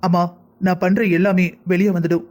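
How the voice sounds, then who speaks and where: A man's voice: high-pitched, little pitch movement, fairly quick, a little mellow, lightly acted. An actor voicing an earnest young son explaining himself to his family in a cartoon drama.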